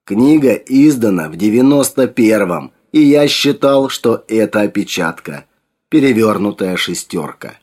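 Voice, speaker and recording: A nervous old scientist speaks in a slow, quiet, tense way, as a male reader puts him on. His voice sits low and a little grave. He sounds shaken. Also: animated.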